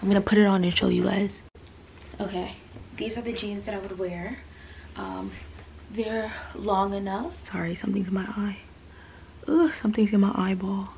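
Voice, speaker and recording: A twenty-year-old fashion vlogger rambles casually through a clothing try-on haul, full of fillers and asides, in a small bedroom with the camera on a stand at mid-distance. Her medium-pitched voice is slightly mellow with vocal fry, moderate pace and frequent pauses. A little hiss or hum is present.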